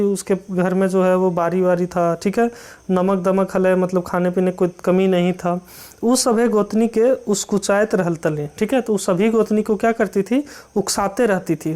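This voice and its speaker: A teacher explains a folk tale, reading dialect lines slowly and then restating them in plain words with many fillers. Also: mid-range voice, a little mellow.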